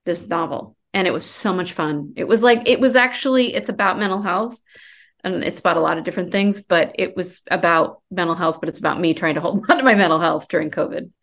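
A woman writer chatting as a podcast guest, talking quickly and rambling, often restarting her thought. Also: on the low side, fairly bright tone. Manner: quick, rambling, self-correcting. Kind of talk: casual conversational interview.

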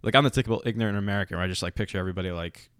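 A man with a Philadelphia accent talks in a loose, rambling way on a podcast, tossing in fillers and jokes. His voice sits fairly low. The recording is close and dry, with no room sound. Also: very fast, fairly bright tone, clean tone, no echo. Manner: rambling, joking, lots of fillers. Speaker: podcast co-host. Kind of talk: casual chat.

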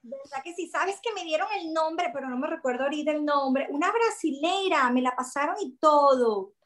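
A woman's voice: high voice, normal speed. A young woman with a Venezuelan accent, chatting casually as an interview guest and acting out others' lines as she tells stories. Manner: lively, expressive, quotes others in dialogue. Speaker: guest, food content creator.

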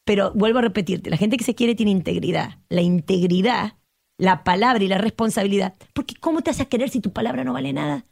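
A woman speaking with an Argentine Spanish accent, a guest therapist in a podcast conversation who talks emphatically and passionately and acts out quotes with a lively voice. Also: medium pitch, fast, vocal fry, dry recording, studio quality.

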